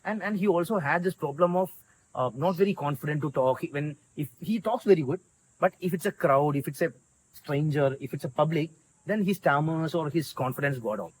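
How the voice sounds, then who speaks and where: A man's voice: fairly high pitch, fairly quick, husky, poor audio. A man with a South Indian accent telling a story conversationally as a guest in an interview. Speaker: interview guest, volunteer community organiser.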